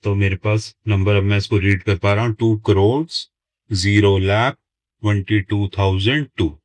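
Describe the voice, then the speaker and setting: A maths teacher with a deep, low voice walks through a lesson step by step. He slows down to dictate each number word by word as he writes it. The sound is dry and close, with no room echo. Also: fairly even intonation. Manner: slow, deliberate, dictates numbers word by word while writing.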